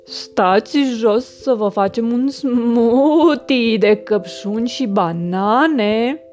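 Cheerful cow, woman reader, hospitable, mellow, faint music. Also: fairly high pitch, lightly acted. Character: cheerful helpful female cow.

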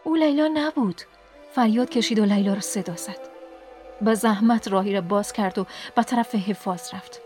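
Expressive woman narrating a storybook. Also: medium pitch, soft background music. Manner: expressive reading, dropping to a whisper in sad passages. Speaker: book podcast host. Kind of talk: scripted audiobook narration.

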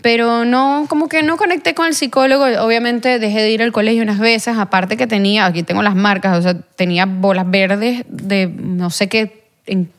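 A woman's voice: medium pitch, steady tone, moderate pace. A young adult woman with a Venezuelan accent, telling a personal story in an interview. She rambles, uses many fillers and acts out what people said. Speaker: guest.

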